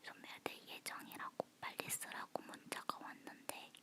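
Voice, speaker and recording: Female ASMR host, leaning in to whisper, unhurried personal chat, crisp bright breath tone. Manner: soft close whisper, as if leaning in.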